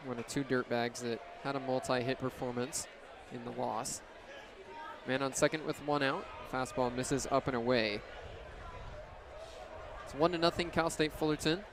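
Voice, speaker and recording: A man in his twenties calls a baseball game live on the radio, using short, descriptive phrases. His voice sits in the mid-range with a steady tone and moderate pace. Behind him you can hear the crowd and the noise of an outdoor ballpark.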